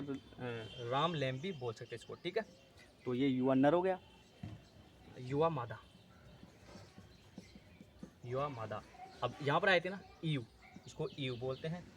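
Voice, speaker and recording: A male teacher with a mid-range voice gives an exam-prep lecture, mixing Hindi with English terms. He drills students by posing questions and answering them himself, with slight background noise.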